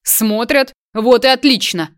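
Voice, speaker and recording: A woman reader voicing a brash, loud grown man who mocks and threatens in an audiobook. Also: mid-range voice, moderate pace, dry recording, clean studio sound, natural voice. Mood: mocking. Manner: loud, mocking, menacing. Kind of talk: audiobook character voice.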